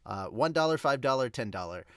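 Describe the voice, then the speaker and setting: Hosting a manga review podcast, a man chats informally and ramblingly with viewers. His mid-range voice has lively intonation and a fairly quick pace, recorded in clean studio sound with no room echo.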